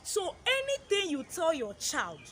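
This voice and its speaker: A woman's voice: extremely high pitch, huge pitch swings, a little slow, a bit bright, slight background noise. A woman, a mother, giving earnest advice to other mothers in a casual vlog, repeating her points and acting out what children say. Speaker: parenting advice vlogger, mother.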